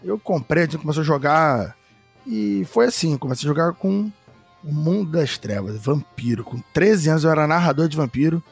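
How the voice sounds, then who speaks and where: A man's voice: fairly high pitch, animated, normal speed, creaky, slightly rough, faint music behind. A man in his thirties with a Brazilian Portuguese accent, chatting and telling stories casually as a podcast guest. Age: 30s. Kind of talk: casual storytelling chat.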